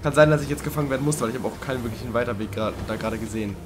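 Chatty man commenting on gameplay. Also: very fast. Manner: chatty, talks to the game creature, swings between loud pleading and low muttering. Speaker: let's play gamer. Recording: game music playing underneath. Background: game music.

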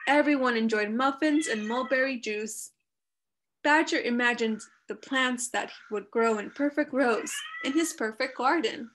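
A woman reading a children's book slowly. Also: on the high side. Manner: measured, expressive storytelling. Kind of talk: reading a picture book aloud.

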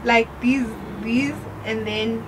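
Chatting with her dad on the living room couch, a teenage daughter rambles along full of fillers and giggles. She speaks slowly in a somewhat high voice with fairly even intonation. Background noise is present.

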